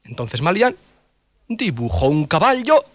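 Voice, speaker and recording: Male storyteller for kids, lively swinging pitch, fairly high voice, playful. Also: unhurried, no echo. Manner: animated, playful sound effects and sing-song. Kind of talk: children's story narration.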